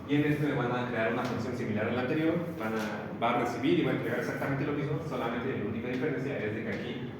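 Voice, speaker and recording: A man's voice: medium pitch, fast, far from the mic. Male teacher in an echoey room. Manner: explanatory, talks through examples step by step. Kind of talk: classroom lecture explaining an assignment. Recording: echoey room, voice from afar, background noise.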